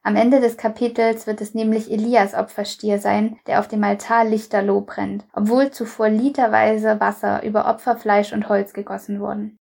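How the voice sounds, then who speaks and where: A woman reading a Bible passage aloud and then commenting on it in a measured, scripted devotional. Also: mid-range voice, level tone, gravelly, darkish tone. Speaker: Bible reader and devotional speaker.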